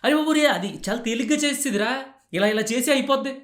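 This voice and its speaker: A man acting out a furious man who shouts and scolds someone. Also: extremely high pitch, a little fast, voice pushed up. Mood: furious scolding. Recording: roomy echo.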